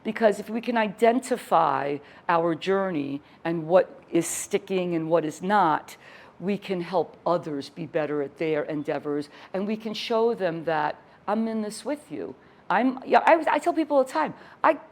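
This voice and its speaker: A woman in her sixties leading a workshop for trainers, lively and enthusiastic as she teaches and tells stories. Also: medium pitch. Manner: energetic, enthusiastic storyteller. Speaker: fitness educator leading a workshop.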